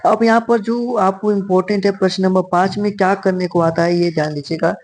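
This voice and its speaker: A man's voice: sits high, steady tone, a little mellow. A man with a sore throat teaching an exam-prep lesson, talking casually and often repeating "theek hai". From north India. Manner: casual, repeats "theek hai" and "bhai", reads verse slowly.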